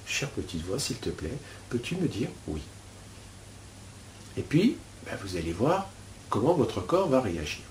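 A man's voice: fairly high pitch, a little mellow. A man talking a listener through a guided inner exercise, rambling and hesitant, full of fillers and restarts. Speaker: spiritual teacher. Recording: echoey room with faint ambience.

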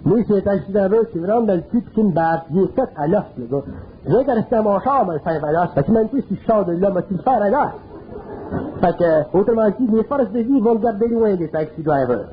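A man with a Quebec French accent gives a spiritual talk in a high voice, colloquial and earthy. He drives his points home with emphasis. The recording is narrow and phone-like, with a faint hiss. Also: animated, a little fast. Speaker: speaker. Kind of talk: spiritual lecture. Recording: narrow phone-like old tape.

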